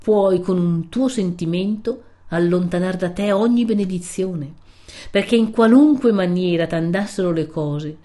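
A woman's voice: on the low side, mellow, natural voice. Woman doing a stern old friar. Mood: grave. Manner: solemn, rebuking, slow and grave at times. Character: stern old male friar, severe and righteous.

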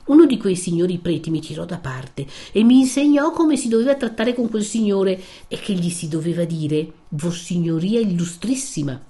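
A woman's voice: lowish voice, lively intonation, normal speed, hardly any pauses, warm tone, close to an everyday voice. A woman reading aloud, voicing a humble but outspoken village mother who talks earnestly about herself as a plain person. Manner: earnest, self-deprecating. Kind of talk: reading a classic novel aloud.

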